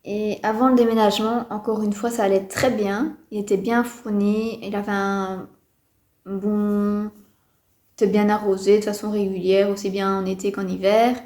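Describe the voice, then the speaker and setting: Mellow-voiced woman chatting about houseplants. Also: medium pitch, little pitch movement, normal speed. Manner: chatty, hesitant with many fillers, mildly disappointed. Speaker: houseplant vlogger. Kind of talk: casual chat to camera. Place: indoors at home. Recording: roomy echo.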